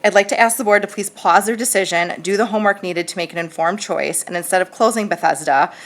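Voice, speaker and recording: A woman's voice: medium pitch, quick pace. A woman in her thirties, a parent giving a chatty, earnest public comment at a school board meeting, with many fillers.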